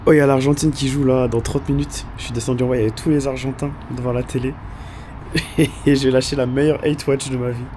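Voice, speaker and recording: A young man with a hoarse voice, chatting casually in a vlog and laughing often. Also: medium pitch, level tone, fast talker, mellow, a little hiss or hum. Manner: laughs often, mixes French and English. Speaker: vlogger. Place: small room indoors.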